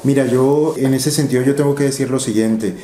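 A man's voice: mid-range voice, steady tone, brisk, dark tone, slight background noise. A man, explaining money matters in a seated interview with rhetorical questions and analogies. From Colombia. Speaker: interviewee, finance educator. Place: office room with large windows. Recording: roomy office echo.

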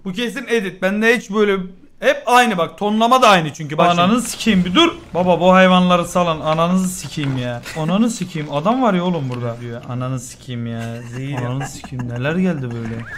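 A man streaming a video game, swearing nonstop and flaring into sudden shouts. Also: high voice, brisk, a little hiss or hum. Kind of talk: live gaming commentary.

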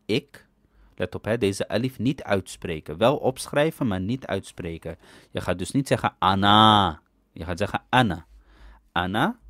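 Slow, animated man teaching Arabic grammar. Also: lowish voice, no echo, clean studio sound. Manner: explains step by step, asks "ja?" to check understanding. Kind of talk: recorded language lesson.

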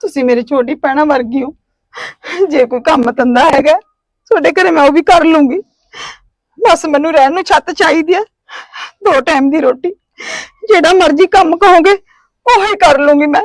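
A woman plays a desperate village wife cast out by her in-laws, weeping as she begs for a roof and two meals a day. Her voice sits high and tearful. The recording is close and dry. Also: normal speed, dry recording, lightly acted. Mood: tearful pleading. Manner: pleading, tearful. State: crying. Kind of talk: amateur short-film acting.

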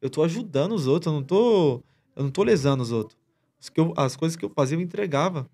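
A man's voice: a little high, lively intonation, fast, a little mellow. A man as a podcast guest, retelling a story in a rambling, slangy way with many restarts. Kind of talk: casual storytelling chat.

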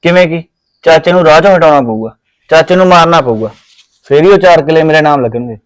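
A man's voice: fairly high pitch, fast talker, clear, resonant tone, no room sound, natural voice. An actor playing a scheming young village man plotting over land, with a Punjabi accent, insistent and argumentative. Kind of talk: Punjabi village short film acting.

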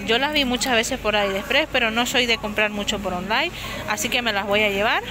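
In this casual walkthrough of a large discount supermarket, a woman holding her phone camera rattles off prices and sizes and fixes her slips as she goes. She speaks a little fast in a somewhat high voice, against a noisy background with music underneath.

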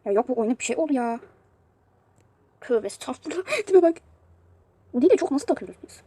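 High-pitched woman rattling through a game video, kinda breathy, gets fed up a lot. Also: sing-song, a little fast, dark tone, dry recording. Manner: chatty, exasperated exclamations. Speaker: youtuber showing a mobile game. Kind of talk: casual gameplay commentary.

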